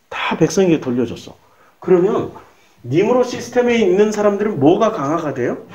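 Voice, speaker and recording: A male pastor preaching a sermon in a lively, colloquial way, firing off rhetorical questions. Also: sits high. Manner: animated, colloquial, rhetorical questions, acts out prayers.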